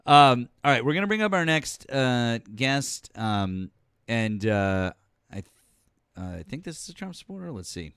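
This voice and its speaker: A man's voice: mid-range voice, big pitch swings, moderate pace, fairly bright tone, smooth, no echo, clean studio sound. A man in his forties hosting a call-in political live stream in a loose, swearing way. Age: 40s. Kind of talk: casual call-in political debate.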